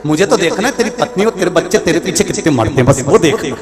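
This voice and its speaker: A man voicing a sly old male guru who gives quick, commanding orders in a religious storytelling talk. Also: fairly high pitch, expressive, close to an everyday voice. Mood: teasing. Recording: echoey hall with music behind.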